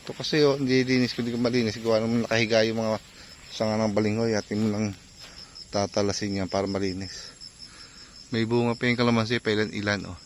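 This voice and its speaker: Brief: chatty farmer vlogger, low man's voice, talking while he works outdoors, faint insects behind. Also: flat delivery, quick pace, a little hiss or hum. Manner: chatty, talks to viewers while working, often asks "di ba?". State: out of breath at times. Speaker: farm vlogger. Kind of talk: casual narration while clearing brush. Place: outdoors on a farm field.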